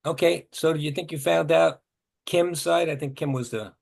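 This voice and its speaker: Man, workshop trainer, conversational coaching, slightly high voice, gravelly. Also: steady tone, moderate pace, darkish tone. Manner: conversational, coaching, acts out short example dialogues. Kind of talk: leading a communication training session.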